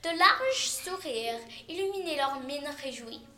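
A woman reads a children's Christmas story aloud. Her voice is high and bright, and her reading is expressive, shifting in loudness. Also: slow pace.

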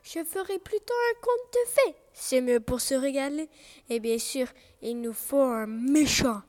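A woman voicing a sly male wolf in a storybook read-aloud, speaking calmly and coaxingly. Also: sits high. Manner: calm, coaxing, unhurried.

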